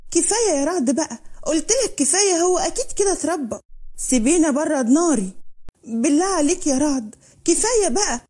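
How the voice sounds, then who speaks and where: A woman's voice: high-pitched, lively intonation, fairly quick, mellow, pitched above the performer's own voice. A woman voicing a mischievous, playful teenage girl in a story she reads aloud. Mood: pleading.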